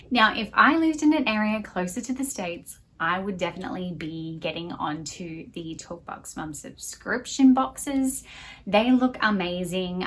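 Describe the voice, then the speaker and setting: Reviewing a language curriculum for her homeschool channel, this woman in her thirties talks casually to the camera in a small home room. She has a fairly low, bright voice with a forceful tone.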